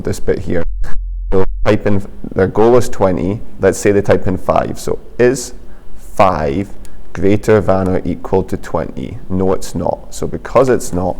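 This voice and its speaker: A man's voice: sits low, warm tone. A man teaching a coding lesson over a screen recording, explaining step by step in a plain, patient way.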